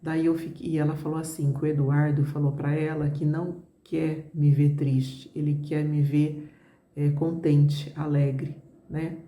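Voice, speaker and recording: A woman's voice: low voice, level tone, unhurried, dark tone, reverberant. A middle-aged Brazilian woman with a Brazilian Portuguese accent, chatting to her viewers as she tells a personal story in a conversational way. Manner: conversational, fillers like "né" and "gente", addresses viewers directly. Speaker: travel vlogger.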